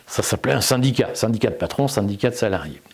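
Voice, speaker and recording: A man's voice: fairly low pitch, expressive, fast talker. A man giving an unscripted video commentary, argumentative and emphatic, with frequent fillers and repeated words. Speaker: political commentator.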